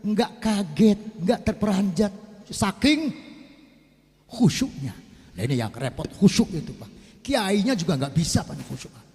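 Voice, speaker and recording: A man's voice: high-pitched, sing-song, normal speed, darkish tone, long reverb tail. A middle-aged man preaching a humorous sermon at a religious gathering, telling a story and joking with the audience. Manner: joking, addresses the audience as Pak and Bu. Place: religious gathering in a housing estate.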